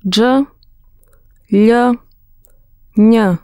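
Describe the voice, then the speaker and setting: A woman reading as a pronunciation model for a language lesson, enunciating single sounds and words slowly and with exaggerated care. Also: on the high side, darkish tone, clean tone, no room sound, studio quality.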